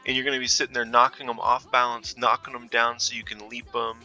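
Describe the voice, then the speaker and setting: A man casually walking through a game character build, chatty and loose, full of fillers and quick self-corrections. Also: mid-range voice, little pitch movement, pushed and bright, soft background music, rough recording. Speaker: gaming content creator.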